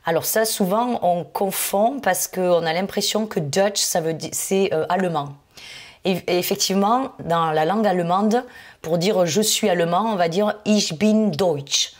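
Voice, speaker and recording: A woman with a fairly low voice gives an online English lesson. She explains patiently and fills pauses with hesitant fillers. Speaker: English teacher.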